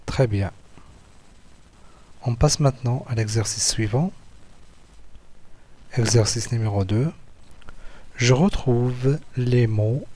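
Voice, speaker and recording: A man with an Algerian French accent, walking through written school exercises as a teacher, slowly repeating words and syllables. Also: mid-range voice, background noise. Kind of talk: slow, patient lesson walkthrough.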